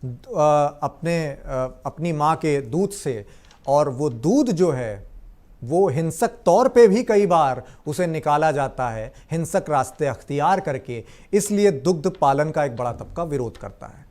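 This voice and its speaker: Deferential male interviewer, slightly high voice. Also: expressive, slow, darkish tone. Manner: deferential, frequent affirming murmurs. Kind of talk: interview questions.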